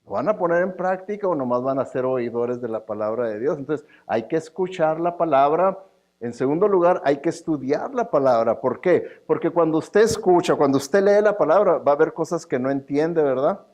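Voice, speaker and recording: A man's voice: fairly high pitch, animated, normal speed, darkish tone. A man preaching a sermon in a conversational way, with joking asides, often checking in with the congregation. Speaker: pastor.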